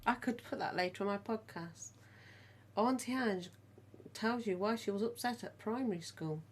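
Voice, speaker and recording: A woman's voice: medium pitch, moderate pace, slight background noise. A middle-aged woman with a Midlands accent, chatting casually as a podcast co-host and telling stories with frequent laughter. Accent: English Midlands. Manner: chatty storyteller, laughs often. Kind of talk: casual family chat.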